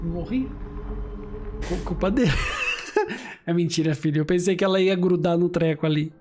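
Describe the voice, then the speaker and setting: A man's voice: sits high, normal speed, darkish tone, faint music behind. Chatty laughing man streaming a game. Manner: chatty, laughing, slangy storytelling. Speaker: gaming streamer. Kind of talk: casual let's-play commentary. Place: home.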